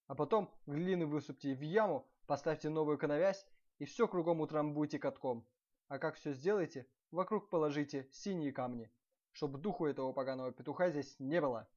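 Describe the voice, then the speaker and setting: A man voicing a proud, hot-tempered prince of old who shouts commands at his servants. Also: a little high, fairly quick, natural voice. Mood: commanding. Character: furious proud old-time male prince, barking orders. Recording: dull lo-fi recording.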